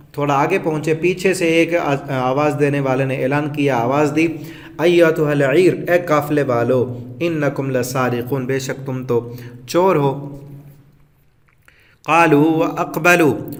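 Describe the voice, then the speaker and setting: A man's voice: fairly high pitch, a bit bright. A man teaching a word-by-word Quran translation lesson, reciting Arabic phrases and then explaining them in plain conversational Urdu with hesitant fillers.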